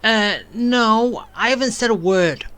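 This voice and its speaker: The streamer's voice is a little high and a bit bright, moving at a slow pace as she plays. She thinks aloud playfully and reacts to the game's dialogue while its music plays behind her.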